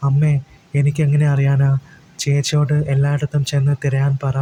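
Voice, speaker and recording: A man's voice: fairly high pitch, normal speed, slight background noise, close to an everyday voice, poor audio. A man voicing a cheeky prankster little brother. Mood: innocent. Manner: feigned innocence, flat.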